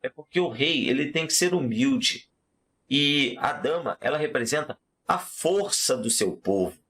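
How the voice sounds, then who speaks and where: A man voicing a calm wise young man. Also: mid-range voice, measured pace. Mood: calming, explaining. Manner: calm, gentle, reasoning.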